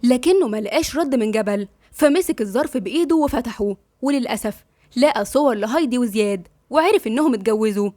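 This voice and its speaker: Rapid-talking Egyptian woman narrator. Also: a little high, animated, warm tone, no room sound, studio quality. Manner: affectionate, rapid, chatty. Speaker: audiobook narrator and channel host. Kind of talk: reading a novel aloud with chat.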